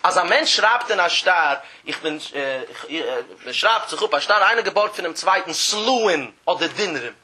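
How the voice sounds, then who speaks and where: A man's voice: sits high, expressive, normal speed, hardly any pauses, pushed and bright. A man teaching a traditional study-hall lesson in a sing-song chant, drawing out phrases and acting out the voices of the people who argue over a debt. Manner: acts out the disputing parties in quoted voices. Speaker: Talmud teacher.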